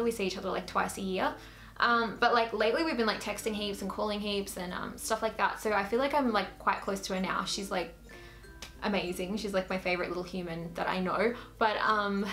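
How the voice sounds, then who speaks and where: A woman's voice: medium pitch, fairly bright tone. Chatty young Australian woman vlogger. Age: 20s. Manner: chatty, filler-heavy with frequent "like". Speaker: YouTuber. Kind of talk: casual Q&A chat to camera.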